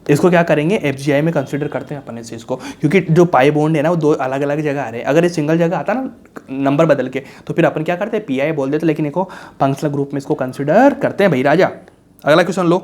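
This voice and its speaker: Young male tutor, rapid casual lecture, asks and answers his own questions, slightly high voice. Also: darkish tone. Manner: rhetorical questions answered himself; colloquial, reassuring, calls students bhaiya and raja. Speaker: chemistry teacher. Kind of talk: casual exam-prep lecture.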